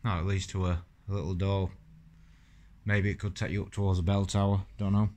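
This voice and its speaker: A man's voice: sits low, flat delivery, brisk, darkish tone. Chatty man. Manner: chatty, rambling, admiring. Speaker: vlogger. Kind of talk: casual walking tour commentary. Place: inside an old stone church.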